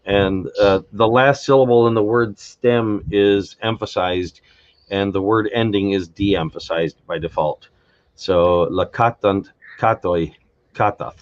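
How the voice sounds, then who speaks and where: A man with a very low voice talks through his invented language on a live stream, pausing with fillers and restarting his sentences. The audio is dull and lo-fi, with keyboard typing behind him. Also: steady tone. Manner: thinking aloud, many fillers and restarts. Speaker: live stream host explaining a constructed language. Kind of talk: unscripted live stream chat.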